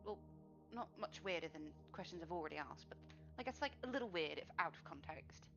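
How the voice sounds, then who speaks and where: Picture a flustered young adventurer, voiced by a woman at the table, her pitch bouncing high and low as she rambles and curses at herself. The audio is a little muffled, with faint music underneath. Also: expressive, a little fast, a bit bright. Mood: curious. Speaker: player. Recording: slightly muffled stream audio.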